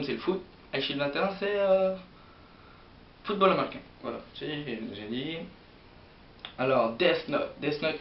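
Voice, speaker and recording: A young man chatting casually about manga to his viewers, hesitant and rambling with many fillers. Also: mid-range voice. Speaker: manga vlogger. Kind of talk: casual manga chronicle to camera. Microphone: built-in mic of an old computer setup. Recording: roomy, distant, dull lo-fi sound with faint hiss.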